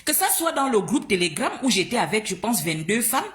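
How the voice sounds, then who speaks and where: Indignant woman with a lively voice. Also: mid-range voice, brisk. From Gabon. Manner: indignant, confrontational, repeats rhetorical questions; stumbles and restarts when agitated. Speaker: live streamer. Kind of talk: heated live-stream monologue.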